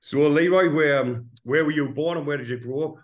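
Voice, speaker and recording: A man hosting a podcast, asking his guest relaxed, short questions in a casual interview. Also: fairly high pitch, brisk. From England. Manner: relaxed, asks short questions, laughs along. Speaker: podcast host.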